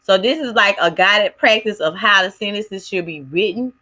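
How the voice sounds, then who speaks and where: A woman walks through a lesson plan for young readers, talking casually and stopping often with fillers. Her voice is bright and clear, at a middling pitch. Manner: casual, halting, with many fillers like "like" and "um". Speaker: student teacher presenting a lesson plan. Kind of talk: recorded class presentation.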